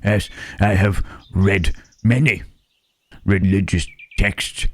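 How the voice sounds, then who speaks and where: A man voicing a gentle, melancholy monster in an ASMR roleplay, speaking haltingly and pensively in formal phrases with questioning hums. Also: steady tone. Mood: sorrowful, doubting. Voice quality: low, husky. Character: gentle, melancholy Frankenstein's monster, male, pondering his soul.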